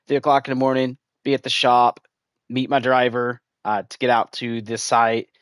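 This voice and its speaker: An American gaming streamer with a mid-range voice rambles casually and chats with his viewers while playing. The recording is clean studio sound with no room noise.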